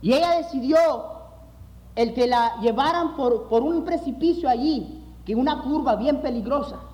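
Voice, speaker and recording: A man preaching as pastor, emphatic, repeating phrases for weight and dropping low at the ends of phrases. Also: moderate pace, darkish tone. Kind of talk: sermon with illustrative stories. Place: church sanctuary. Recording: long hall reverb.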